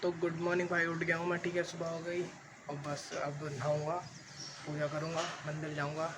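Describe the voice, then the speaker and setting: A man's voice: on the high side, monotone, normal speed. Chatty young man vlogging at home. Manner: chatty, keeps repeating "bhai" and "theek hai"; drops to a hushed voice at night. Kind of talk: casual daily vlog narration. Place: family home and rooftop. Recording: noisy home phone recording.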